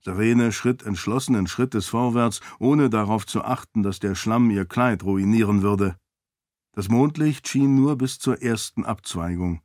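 Man reading an audiobook, lowish voice, calm and steady, dry close sound. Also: measured pace, no room sound. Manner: calm, even storytelling. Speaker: audiobook narrator. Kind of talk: scripted narration.

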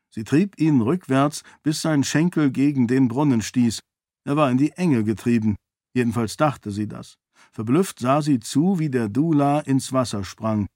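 A man narrating a novel in a steady, even storytelling manner, recorded on a close mic. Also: medium pitch, no room sound. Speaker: audiobook narrator. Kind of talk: scripted narration.

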